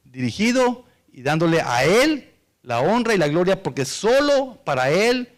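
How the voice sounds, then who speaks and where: A man's voice: high voice, very animated, a little slow. A man preaching a sermon, reading Bible verses aloud and explaining them to the congregation, whom he calls church. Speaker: pastor.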